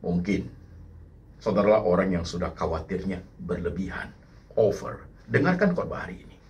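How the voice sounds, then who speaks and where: A man's voice: low-pitched, fairly even intonation, normal speed, a little mellow. A middle-aged male pastor preaching a sermon in church, calling the congregation "my brothers" again and again and building to emphatic bursts. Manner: addresses the congregation as "saudaraku" over and over, rising to emphatic bursts; mixes English phrases into the sermon.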